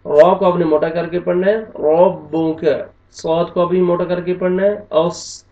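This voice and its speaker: Male tajweed teacher, Pakistani accent, high and gravelly; slow chanting; distant, echoey, lo-fi recording. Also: level tone. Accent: Pakistani Urdu. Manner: slow drawn-out chanting of verses between brisk explanations. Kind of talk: spelled-out recitation lesson. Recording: dull lo-fi room echo from a distance.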